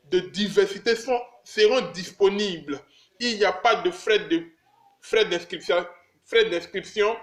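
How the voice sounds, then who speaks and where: Repetitive, emphatic man with a high voice. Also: a bit bright. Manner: repetitive, emphatic, addresses viewers as brothers. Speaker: channel host. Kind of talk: casual direct-to-camera vlog. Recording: echoey room.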